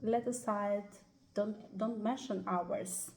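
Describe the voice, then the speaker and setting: Slow, hesitant Albanian-accented woman. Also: medium pitch, fairly even intonation, darkish tone. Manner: hesitant, many pauses and "uh" fillers. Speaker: guest. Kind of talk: personal life story in an interview. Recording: roomy echo.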